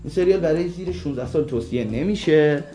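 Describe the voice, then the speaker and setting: A man's voice: a little high, lively intonation, dark tone, faint music behind. A man co-hosting a radio show, recommending series in a casual, teasing banter. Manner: teasing, joking.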